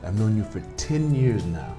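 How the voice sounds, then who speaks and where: Lively male podcast host over music. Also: fairly low pitch, normal speed. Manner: prompting, finishes the guest's sentences. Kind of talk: conversational interview.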